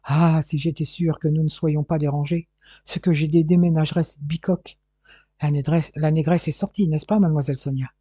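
A man's voice: on the high side, fairly even intonation, mellow, dry recording, close to an everyday voice. A man reading a sneering bossy bandit. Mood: impatient. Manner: sneering, commanding, hurried.

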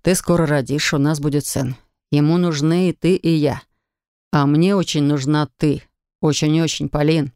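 A wounded husband with a lowered, gentle voice that coaxes and aches, as a woman puts him on in an audiobook. The voice sits low and dark, recorded dry and close. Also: steady tone, moderate pace, clean tone, dry recording. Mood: coaxing. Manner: soft, coaxing and pained. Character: troubled husband, an investigator, gentle but wounded.

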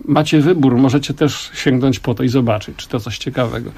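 Older man speaking in slow reflective tones. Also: mid-range voice, fairly even intonation, a little mellow, slightly rough. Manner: reflective, measured, with frequent pauses. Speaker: song translator and musician, guest. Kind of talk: radio interview. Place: radio studio.

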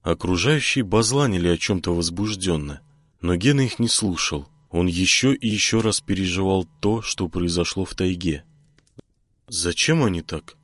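A man narrating an audiobook in an expressive way. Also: low-pitched, moderate pace, no echo.

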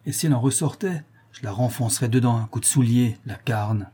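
A drunk young bandit voiced by a man reading an audiobook snarls his threats, raised in pitch and loud. The voice stays dark and husky underneath. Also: a little fast. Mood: taunting. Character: drunk violent young male bandit brother.

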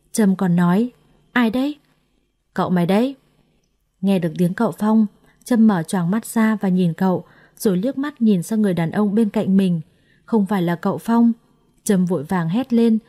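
A woman tells a story in a steady, expressive way. Her voice is mellow and sits at a middle pitch. She reads from a script. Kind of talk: scripted narration.

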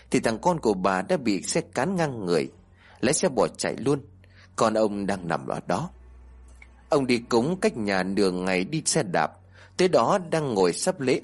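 Husky-voiced man telling a horror story. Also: medium pitch. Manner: animated storytelling with voiced characters.

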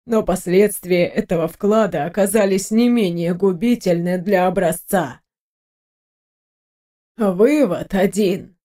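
A woman's voice: mid-range voice, slow pace, mellow. A woman reading an audiobook, voicing a detached, formal recorded lab report. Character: cold official lab report voice.

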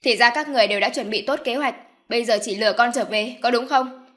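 Woman doing an upset grown son, arguing back, fairly high voice. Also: steady tone, a little fast, sharp tone. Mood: protesting. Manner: protesting, agitated. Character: indignant young adult son. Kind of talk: audiobook character voice.

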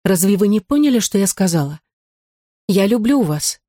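A man's voice: high voice, big pitch swings, moderate pace, warm tone, no echo, clean studio sound, pitched above the performer's own voice. A man reading an audiobook, voicing an earnest, devout young noblewoman in love. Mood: earnest pleading. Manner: earnest, pleading.

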